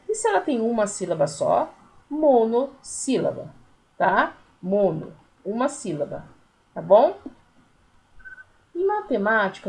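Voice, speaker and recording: A woman's voice: medium pitch, creaky, darkish tone, rough recording. A woman teacher with a Brazilian Portuguese accent, patiently explaining a lesson to young pupils, counting syllables aloud and using many diminutives. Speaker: primary school teacher. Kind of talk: recorded remote class lesson.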